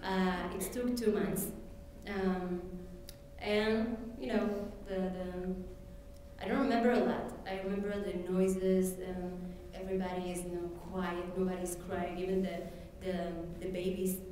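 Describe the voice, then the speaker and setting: An Ethiopian woman whose first language is Amharic gives a personal testimony in an event hall, halting, with many fillers and restarts. Her lowish voice is steady and warm. The very echoey room and distant mic make her sound far off, with a little hiss or hum.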